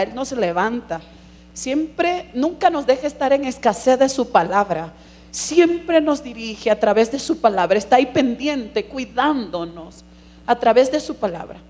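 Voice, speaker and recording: A middle-aged woman giving an earnest church testimony, calling listeners brothers and swinging from hushed to emphatic. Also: sits high. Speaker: congregation member giving testimony.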